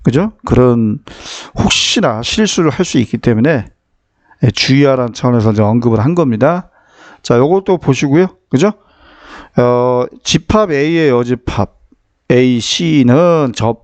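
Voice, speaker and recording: A man's voice: medium pitch, darkish tone. A man teaching a math lesson, explaining step by step and often checking that his students follow. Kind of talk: classroom math lecture.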